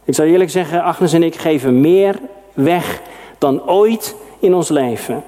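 A middle-aged male preacher from the Netherlands with a fairly high voice. He delivers his sermon in a lively, personal way, with sudden emphatic exclamations. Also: a little slow. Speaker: pastor.

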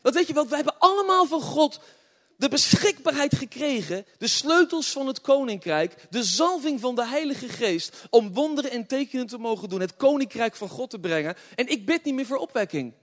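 A man preaching a humorous testimony sermon, telling stories with laughter and swinging between hushed and loud. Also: very high-pitched, animated, normal speed. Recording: long hall reverb.

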